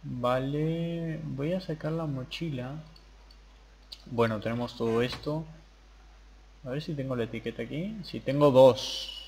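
A man's voice: medium pitch, a little slow, gravelly, long pauses, a little mellow, a little hiss or hum. A young man hosting a gaming channel, chatting casually through his gameplay and muttering to himself as he plays. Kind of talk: gameplay commentary.

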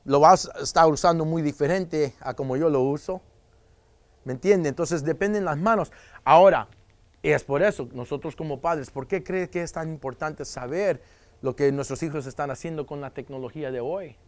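A man speaks to a room of parents as a police officer, his voice sitting high and light. He jokes and slips into quoted voices of children and mothers. The sound is close and dry. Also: moderate pace, dry recording. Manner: joking, acts out parents and kids in quoted voices. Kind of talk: live lecture to an audience.

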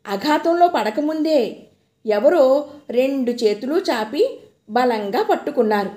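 A woman narrating a novel as an audiobook reader, in a steady storytelling manner. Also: sits high. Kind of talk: novel reading. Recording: roomy echo.

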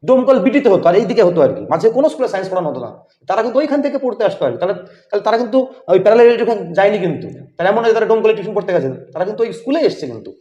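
A man's voice: high voice, very animated, racing, warm tone. A man interviewing as podcast host, talking in a rambling way with many fillers. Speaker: interviewer, teacher. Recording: echoey, dull lo-fi room.

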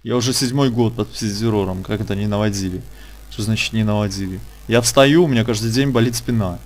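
A man's voice: fairly low pitch, fast, darkish tone, a little hiss or hum. A man hosting a casual online interview, talking colloquially and insistently, repeating phrases for emphasis. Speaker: interviewer and channel host.

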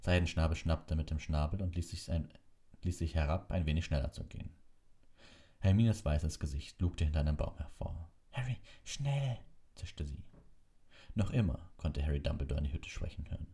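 A man narrating an audiobook in a steady storytelling manner. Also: rumbling low, brisk, gravelly, husky.

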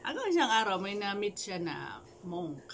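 A woman's voice: mid-range voice, very animated, normal speed, a bit bright, a little hiss or hum, rough recording. Playful Filipino-language woman storyteller. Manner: playful, joking asides and laughter. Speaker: storyteller vlogger. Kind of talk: casual storytelling with a life lesson.

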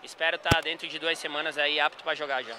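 A man, a futsal player, answering post-match interview questions on the court in an earnest, measured way. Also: a little high, fairly even intonation, heavy background noise. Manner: earnest, measured, repetitive reassurance.

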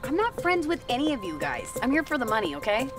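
Woman plays a high, snippy vegan snob, mic far off. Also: very animated, fast talker. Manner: snippy, rude. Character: snobbish, irritable vegan woman contestant. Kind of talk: comedy sketch acting. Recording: heard from afar over loud music.

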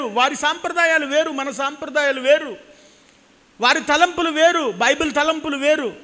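Pushed, bright and very high-pitched, the voice of a Telugu-accented man in his thirties carries an impassioned sermon through a handheld mic. He is a pastor on a church stage in front of a cross, emphasizing points by repeating phrases, with hall reverb on the recording.

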